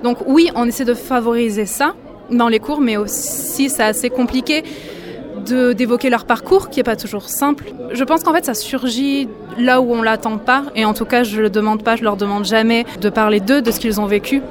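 A woman's voice: fairly high pitch, normal speed, crowd noise. A woman who teaches French, speaking reflectively in an interview.

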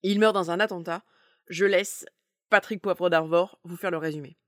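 A woman's voice: fairly low pitch, fairly even intonation, moderate pace, no echo, studio quality. A woman hosting and telling stories from a script in a conversational manner with wry asides. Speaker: podcast host. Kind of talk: semi-scripted storytelling narration.

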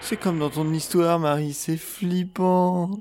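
A man's voice: on the high side, flat delivery, noisy background. An actor playing a sceptical young man who teases in a sarcastic tone. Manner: sarcastic, slow-spoken. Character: sceptical young man camping, teasing his partner.

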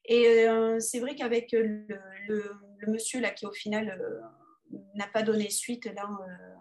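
A woman, an underwater photographer being interviewed, talking casually with many pauses and restarts. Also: medium pitch, level tone, a little mellow. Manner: hesitant, many fillers and restarts.

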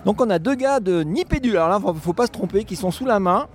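A man interviewing podcast hosts in a brisk, teasing way. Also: sits high, animated, a little hiss or hum. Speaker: guest interviewer.

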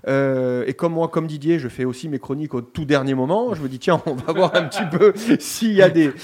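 A man's voice: fairly high pitch, a little fast, a crowd in the background. A man presenting his column on a radio talk show, chatty and digressive, with many restarts and fillers.

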